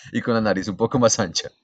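A man's voice: on the low side, dry recording, muffled recording. A young adult man with a Colombian accent, telling a story in casual chat with crude slang.

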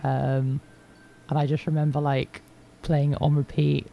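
A man's voice: a little high, little pitch movement, a little slow, gravelly, dull audio. A man co-hosting a podcast in casual conversation, with some noise in the recording. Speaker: podcast co-host. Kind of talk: casual chat.

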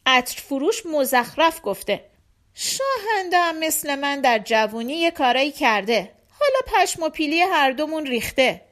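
A woman voicing a relaxed middle-aged husband who jokes and reassures. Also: sits high, pitched above the performer's own voice. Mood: casual.

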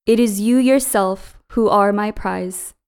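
Unhurried, clear-voiced woman reading scripture. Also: medium pitch, darkish tone. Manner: solemn, measured, carefully phrased. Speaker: scripture reader. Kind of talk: liturgical scripture and psalm reading.

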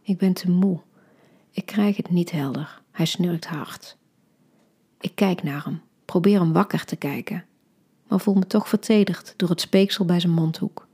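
Husky low-voiced woman reading softly. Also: a little slow. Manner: soft, intimate reading, often sliding into a near-whisper. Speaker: podcast host and storyteller. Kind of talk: narrated short story.

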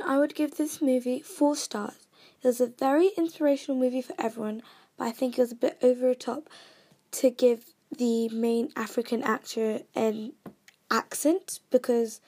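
Reading her own movie and song reviews aloud from a script, a young woman from Kenya with a British accent sounds earnest. She speaks at a normal speed, her voice sitting high with a dark tone.

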